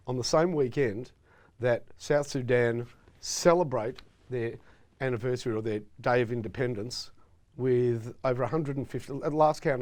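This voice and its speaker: A man's voice: medium pitch, darkish tone. Aussie guy mid-aged, opinionated sports chat, tells stories emphatically. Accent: Australian. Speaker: co-host.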